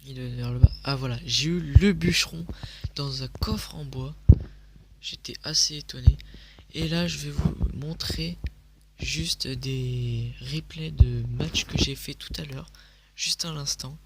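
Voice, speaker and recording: A young man quietly commenting on his own game replays at home at night, speaking softly and a little sick. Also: medium pitch, a little slow, very noisy. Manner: speaks softly, often near a whisper. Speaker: gaming youtuber. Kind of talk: casual gameplay commentary.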